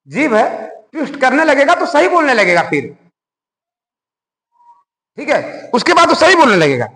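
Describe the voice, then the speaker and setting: Male schoolteacher, high and animated delivery, conversational lecture, echoey classroom with long reverb. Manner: animated, conversational, asks the class rhetorical questions. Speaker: school science teacher.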